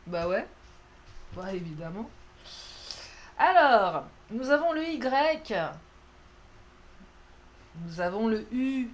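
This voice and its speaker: A woman's voice: a little high, slight background noise. A woman doing a casual, playful card reading, chatty and self-mocking with lots of fillers. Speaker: tarot card reader.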